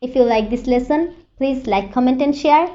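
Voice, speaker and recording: A woman with a high voice leads a patient pronunciation lesson, spelling each word out and repeating it. She talks at an unhurried pace. The recording is dull and lo-fi. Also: warm tone. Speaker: English pronunciation teacher. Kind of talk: slow spoken phonics lesson.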